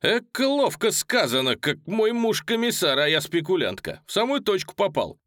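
A man voicing an excitable old man in a high, trembling voice. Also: slow, no room sound, studio quality, exaggerated voice. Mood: delighted.

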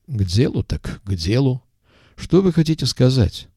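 A man reading an audiobook voices a stern, weary middle-aged intelligence chief who speaks in a measured, reproachful way. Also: medium pitch, sing-song, mellow, slightly rough, dry recording, studio quality, pitched above the performer's own voice.

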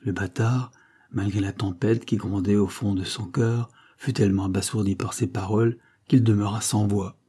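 A man narrating a classic French novel as an audiobook in a measured, literary delivery. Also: lowish voice, fairly even intonation, warm tone, breathy edge.

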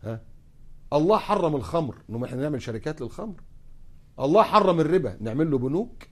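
A man's voice: a little high, expressive, fast talker. A man with an Egyptian accent preaching a sermon as a sheikh, mocking with rhetorical questions. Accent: Egyptian Arabic.

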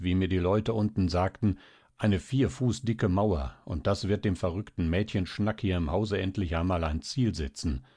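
A man voicing a calm, firm doctor in a storybook, reassuring but dismissive. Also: low-pitched. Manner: calm, reassuring yet stern.

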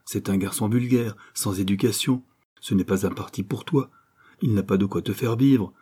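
A man's voice: on the low side, moderate pace, mellow, husky. A man reading an audiobook voices a proper bourgeois mother who lectures her daughter firmly. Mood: lecturing. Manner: firm, lecturing.

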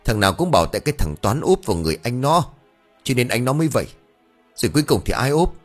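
A man voicing a gruff, quick-tempered old village husband who talks in curt, irritable grumbles. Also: fairly low pitch, animated, soft background music. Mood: angry.

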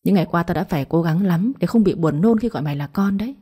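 Cruel stepmother, contemptuous, cold, woman reader, husky. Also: fairly low pitch, animated, fast, dark tone. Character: cruel scornful stepmother, middle-aged woman.

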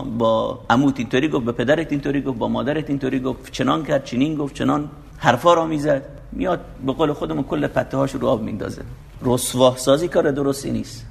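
A man's voice: mid-range voice, vocal fry, darkish tone. A man preaching a sermon, explaining scripture verse by verse in an emphatic, urging way.

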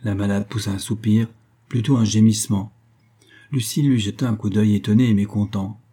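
A man giving a measured scripted narration of a classic novel as an audiobook narrator. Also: fairly low pitch, steady tone, mellow, slightly rough. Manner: measured, literary reading.

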